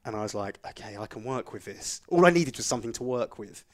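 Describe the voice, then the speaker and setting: Animated man telling a story. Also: mid-range voice, quick pace. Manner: animated, voice rising sharply when recounting anger. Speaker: storyteller in a chat. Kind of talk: casual chat, animated storytelling.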